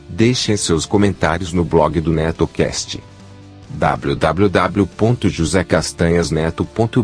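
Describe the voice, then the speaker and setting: Deep synthetic Brazilian male newsreader. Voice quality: synthesized text-to-speech voice. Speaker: podcast news presenter. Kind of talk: scripted news reading.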